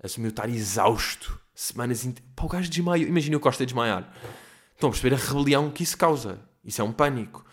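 Portuguese guy ranting alone on his podcast at home, swears a lot, throws in english bits, loud then mumbly. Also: lively intonation, fast. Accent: European Portuguese. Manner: profane, digressive, mixes in English phrases; swings from loud exclamations to low mutters. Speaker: podcast host. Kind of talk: rambling comedic solo podcast rant. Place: at home in quarantine.

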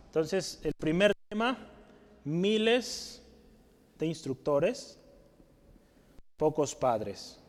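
A man teaching a Bible study, explaining word roots slowly and quizzing the congregation with tag questions. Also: fairly high pitch, sing-song. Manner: asks the audience questions often, tag questions like "¿sale?". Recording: long hall reverb.

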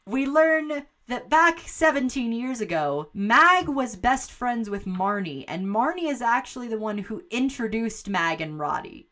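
Animated woman hosting a casual film chat. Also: mid-range voice. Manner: animated, laughing, swearing casually. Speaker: podcast host. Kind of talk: casual watch-along chat with trivia.

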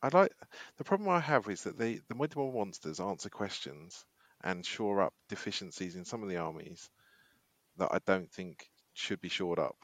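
A man's voice: low-pitched, expressive, moderate pace, fairly bright tone, no room sound. A man co-hosting a podcast, chatting casually and rambling with hesitations. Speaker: podcast co-host. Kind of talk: casual chat.

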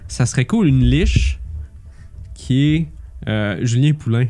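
A man with a Quebec French accent and a medium-pitched voice. He chats in a colloquial, joking way, as a panelist talking about tabletop games. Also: lively intonation, takes it slowly, dark tone. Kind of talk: casual chat about tabletop role-playing games.

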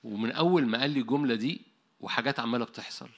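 A man with an Egyptian accent preaching an animated sermon, telling stories and laughing. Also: medium pitch, racing. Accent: Egyptian Arabic.

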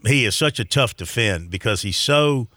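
A male sports radio host talks in a chatty, halting way, filling his pauses with um and uh as he reads off numbers. His voice is bright and forward. The studio sound is dry and close. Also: fairly low pitch, expressive, no room sound. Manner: chatty, reads off stats with many ums and uhs.

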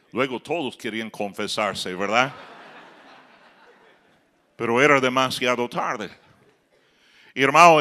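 A pastor with a fairly high, sharp-toned voice preaches a sermon, building up to emphatic outbursts and acting out quotes.

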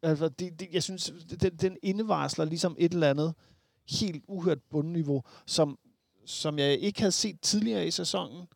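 A Danish man talking as a podcast guest in casual chat, halting and animated, full of restarts. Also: fairly high pitch, gravelly, dry recording.

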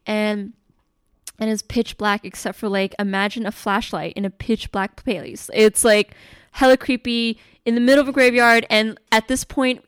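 A woman telling a story in casual chat, animated and full of "like", with casual swearing. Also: mid-range voice, clear, resonant tone, no room sound.

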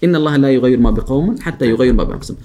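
A man, a guest speaker on workplace etiquette, talking in a lively way, acting out coworkers' lines and often laughing. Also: medium pitch, very fast. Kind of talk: animated talk show chat.

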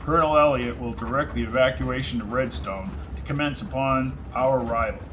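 A man reading the lines of a dutiful army general who reports in a crisp, formal manner. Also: mid-range voice, a little fast, background noise, lightly acted. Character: dutiful male army general taking orders.

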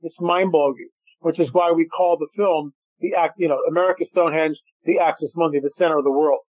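Animated man on a phone line. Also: a little high, quick pace, no echo. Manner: animated storyteller, acts out quotes. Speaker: guest filmmaker. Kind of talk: radio interview. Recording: dry tinny phone line.

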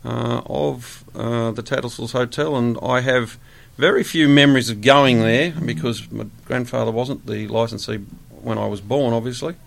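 An Australian man in his sixties, a guest chatting in a relaxed interview, rambling with many fillers. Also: medium pitch, moderate pace, creaky. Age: 60s.

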